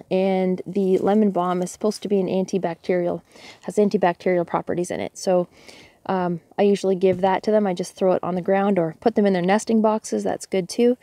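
A woman's voice: medium pitch, dry recording. A woman from Canada in her forties, casually explaining her chores as she films herself outdoors by a snowy hen house on a handheld phone. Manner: relaxed, chatty, thinking aloud. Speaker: homesteading vlogger. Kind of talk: casual how-to narration.

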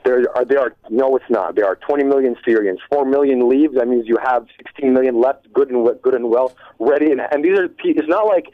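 A young college-age man on a call-in radio show, pressing his point with rapid, urgent passion. His voice comes through a thin, phone-like line. The sound is dry and close. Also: medium pitch, dry recording. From United States. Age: young adult. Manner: fast, urgent, passionate arguing. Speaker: caller.

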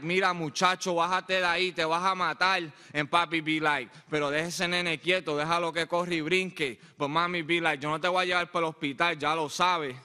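Through a stand microphone, a young man's bright, forceful, slightly high-pitched voice fills a large indoor auditorium with long reverb. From Boston, he performs spoken-word poetry live, rhythmic and emphatic in delivery.

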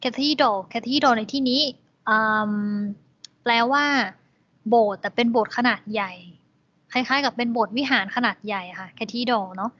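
A woman's voice: fairly high pitch, normal speed, a bit bright. A woman teaching English vocabulary, patiently explaining each word's meaning with polite endings. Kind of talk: slow classroom explanation. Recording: dull lo-fi recording.

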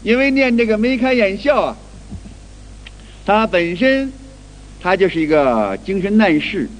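In a spoken qigong lecture, a male teacher with a high voice acts out small everyday scenes, often repeating and restarting his phrases. He is very animated yet unhurried, and a long hall reverb trails his words.

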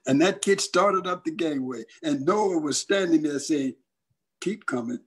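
Older male preacher, husky and high. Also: moderate pace. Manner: dramatic, acts out voices. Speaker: evangelist pastor. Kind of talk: storytelling sermon.

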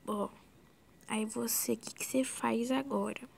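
A Brazilian woman walking through a video editing tutorial in a casual, scattered way, often sinking into a soft whisper and exclaiming to herself. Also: fairly high pitch, fairly even intonation, unhurried, creaky, slight background noise. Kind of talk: casual screen-recorded tutorial.

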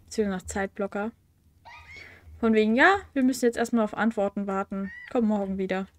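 A young let's play host, sick with a cold, chats through her game at home and reads the quest text aloud. She talks briskly in a steady, medium-pitched voice, wry and chatty, with many fillers and self-corrections.

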